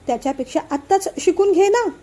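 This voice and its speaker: Woman reading as a gruff old family patriarch in an audio story, short-tempered, voice lifted but still mellow. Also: very high voice, lively intonation, fast, pitched above the performer's own voice. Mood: scolding. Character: stern elderly father, short-tempered head of family.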